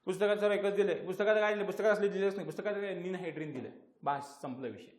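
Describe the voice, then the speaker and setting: A high-pitched male teacher with a Marathi accent, drilling students through an exam-prep lesson. He poses questions and answers them himself, and he hammers home terms by repeating them. His voice rings in an echoey room. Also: quick pace.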